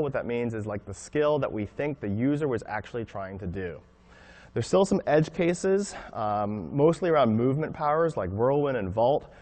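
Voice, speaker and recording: A man presenting a conference talk on game design, explaining in an animated way and acting out what players think. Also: mid-range voice. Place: conference hall.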